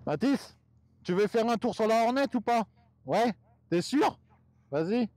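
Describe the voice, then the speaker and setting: A man's voice: very high-pitched, lively intonation, measured pace, a little mellow, no room sound. A man riding along and chatting, teasing and giving riding tips, talking inside a motorcycle helmet through a helmet mic. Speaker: fellow rider. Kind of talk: casual chat while riding. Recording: road and wind noise.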